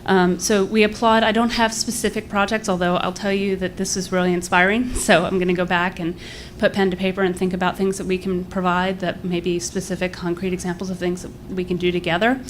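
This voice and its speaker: A woman's voice: lowish voice, level tone, brisk, hardly any pauses, slight background noise. A woman giving earnest, polite public remarks in a formal register, a little short of breath. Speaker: advocacy group director giving public comment. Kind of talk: prepared public remarks, partly off the cuff.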